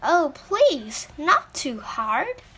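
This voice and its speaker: A woman voicing a tiny, squeaky talking piece of wood in a children's storybook reading. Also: big pitch swings, very slow, sharp tone, slight background noise, exaggerated voice. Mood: tiny, giggly. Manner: small, squeaky, ticklish. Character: tiny giggling voice of a talking wooden log.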